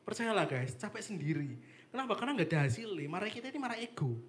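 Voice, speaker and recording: High-voiced chatty man preaching. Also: fast. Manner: chatty, animated storytelling with frequent fillers. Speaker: devotional speaker. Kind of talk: casual devotional talk. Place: apartment meeting room with live and online audience.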